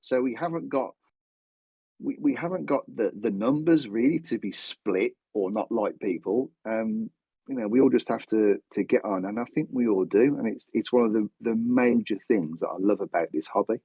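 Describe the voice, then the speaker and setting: A man being interviewed over a video call as a guest, easygoing and relaxed, with short agreeing replies. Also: fairly low pitch, moderate pace, slightly rough, dry recording. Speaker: guest player. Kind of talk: casual interview chat.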